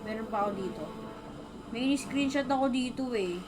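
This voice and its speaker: A woman's voice: fairly high pitch, normal speed, music in the background. A woman from the Philippines with a Filipino accent, hosting a casual livestream, chatty and reading viewers' comments aloud and answering them. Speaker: livestream host.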